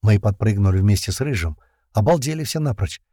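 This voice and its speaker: A man's voice: lowish voice, animated, fairly quick, dark tone, no room sound, clean studio sound. A man narrating a first-person audiobook in a tense, colloquial storytelling manner full of slang.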